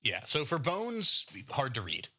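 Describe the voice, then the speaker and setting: Very bright, sharp-voiced male game master. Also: mid-range voice, wildly swooping pitch, unhurried. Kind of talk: improvised game narration, casual.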